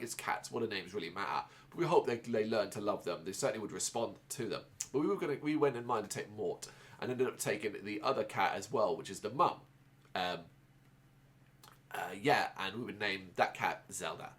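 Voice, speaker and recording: A man who grew up in Ireland, talking through a casual personal monologue in a rambling, halting way, with many restarts and fillers. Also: mid-range voice. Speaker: podcast host.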